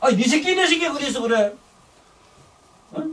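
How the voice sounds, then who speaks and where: An older man with a thick Busan accent delivers a rambling sermon, blunt and scolding, with coarse language. His voice sits high and leaps around with lively swings in pitch. He is recorded from some distance from the mic. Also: moderate pace. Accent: Gyeongsang (Busan). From Busan, South Korea. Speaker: Buddhist dharma teacher.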